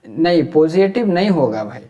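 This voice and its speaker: A man's voice: a little high, big pitch swings, normal speed, mellow. A man from India with a Hyderabadi Urdu accent, teaching an exam-prep lecture. He asks questions aloud and then answers them himself.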